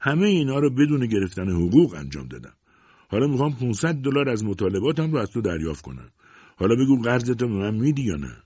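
A man's voice: mid-range voice, very animated, darkish tone, slightly rough, no echo, highs cut off, pitched above the performer's own voice. A man voicing a young man who pleads earnestly and insistently with his father in an audiobook.

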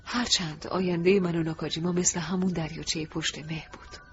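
A man narrating a first-person audiobook in a soft, reflective, emotive way. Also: fairly high pitch, little pitch movement, slight background noise. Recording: dull lo-fi recording.

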